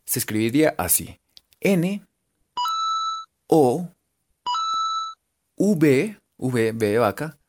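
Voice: mid-range voice, noisy background. A language teacher with a Colombian accent giving a playful lesson, spelling words letter by letter and stretching out words to sound them out. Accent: Colombian Spanish. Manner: animated, drawn-out sounding-out of words.

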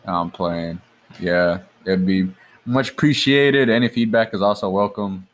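A man's voice: lowish voice, a little slow. A young man co-hosting a casual podcast, laid-back and teasing. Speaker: podcast co-host.

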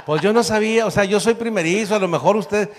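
A man's voice: high voice, quick pace, long reverb tail. A man in his sixties from northern Mexico, with a northern Mexican accent, telling a crude, profane stand-up story and laughing through the punchlines. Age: 60s. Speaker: comedian.

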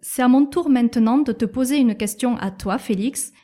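A woman in her thirties chatting on a podcast she co-hosts. Her voice sits a touch high but sounds mellow and warm. She explains things in a measured way, pausing now and then with small hesitations. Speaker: podcast co-host. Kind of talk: casual podcast chat.

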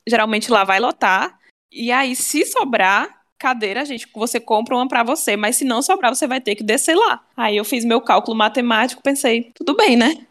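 A young woman with a Cearense Brazilian accent, telling a story in casual chat and acting out the dialogue. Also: a little high. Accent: Cearense Brazilian Portuguese. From Ceará, Brazil. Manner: animated, acts out dialogue, fast. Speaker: storyteller guest.

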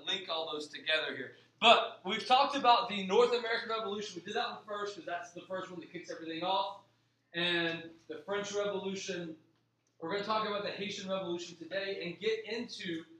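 A man with a high, bright voice gives an informal history lecture. He is picked up from a distance in a heavily reverberant room. He leans on key phrases by repeating them. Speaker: history teacher. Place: echoey room. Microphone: distant microphone. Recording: very echoey, distant mic, faint noise.

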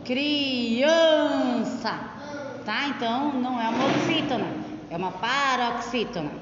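A woman's voice: fairly high pitch, animated, fairly quick, heavy background noise. A woman teacher with a Brazilian Portuguese accent, patiently explaining a lesson step by step and checking in with frequent tag questions. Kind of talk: classroom explanation. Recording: echoey, dull lo-fi room recording.

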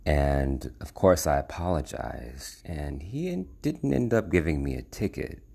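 A man from the United States hosting a podcast, telling a personal story in a measured, reflective way with a wry edge. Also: extremely low pitch, very animated, vocal fry, a little mellow, husky. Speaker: podcast host. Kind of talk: scripted personal monologue.

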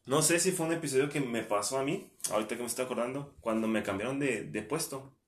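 A man's voice: mid-range voice, fast talker, roomy sound. Chatty young Mexican man telling a story. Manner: chatty storytelling, acts out quotes. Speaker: podcast host. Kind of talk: casual chat.

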